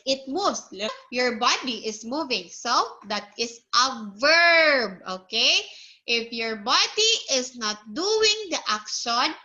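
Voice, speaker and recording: A woman's voice: sits high, sharp tone. A woman teaching English to a child one-on-one, speaking patiently, repeating words and praising answers. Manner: patient, slow, repeats words for the learner to copy.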